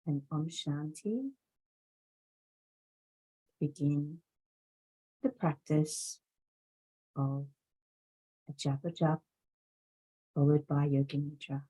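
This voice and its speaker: This low-pitched woman works as a yoga instructor and is leading a guided meditation, her phrases calm, measured, and separated by long pauses. The recording sounds poor.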